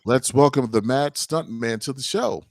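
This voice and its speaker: Hyped-up New radio host. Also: male voice, medium pitch, moderate pace, no echo, studio quality. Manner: enthusiastic, hyped-up. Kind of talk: casual radio interview.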